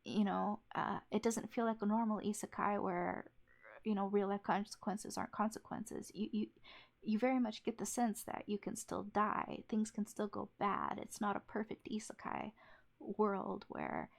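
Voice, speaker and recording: A woman giving casual, unscripted commentary as a reviewer, rambling haltingly with lots of fillers and self-corrections. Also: mid-range voice, fairly even intonation, gravelly. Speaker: anime reviewer.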